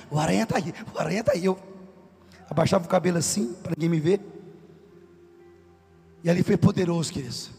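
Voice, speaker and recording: A man preaching a testimony sermon, emphatic and sometimes shouting, asking the congregation questions. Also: sits high, slightly rough, big-room sound.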